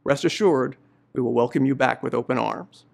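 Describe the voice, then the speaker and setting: A middle-aged man, a law professor, giving a measured, earnest commencement address on behalf of the faculty. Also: medium pitch, vocal fry. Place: indoor studio before a university banner.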